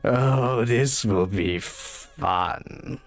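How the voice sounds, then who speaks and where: A man voicing a sinister crow-headed creature, cruel and gloating, in a slow, low, menacing delivery during an online tabletop game.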